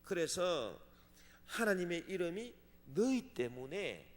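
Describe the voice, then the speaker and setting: A man preaching a sermon as pastor, swinging from loud outbursts to hushed asides. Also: sits high, big pitch swings, slow. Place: large church sanctuary. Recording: long church hall reverb.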